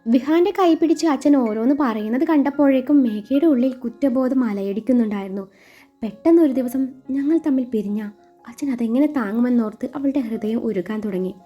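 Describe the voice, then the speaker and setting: Female storyteller, expressive scripted narration, lo-fi sound. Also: fairly high pitch, brisk. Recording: muffled recording with soft music.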